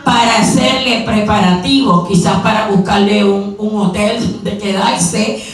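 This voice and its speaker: A woman preacher giving a sermon in a church, retelling a story with rhetorical questions and quick asides. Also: mid-range voice, steady tone. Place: church sanctuary. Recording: very echoey hall, mic far off.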